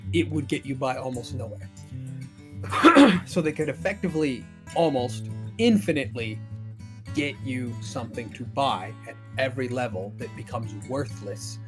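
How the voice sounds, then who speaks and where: A man chatting casually as a podcast co-host, rambling and stammering, with a dry throat he keeps clearing. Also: medium pitch. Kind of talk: casual chat. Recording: faint intro music looping behind.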